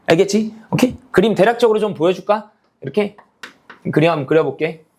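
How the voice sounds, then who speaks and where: A man teaching a math lecture, explaining a graph step by step and constantly checking whether students follow with quick tag questions. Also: high-pitched, animated, darkish tone, a little hiss or hum. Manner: calls himself teacher, half-casual speech.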